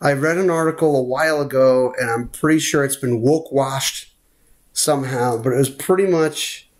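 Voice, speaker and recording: A man co-hosting a podcast in casual chat, rambling and opinionated, often cutting in. His voice sits at an ordinary middle pitch. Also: moderate pace. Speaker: podcast co-host.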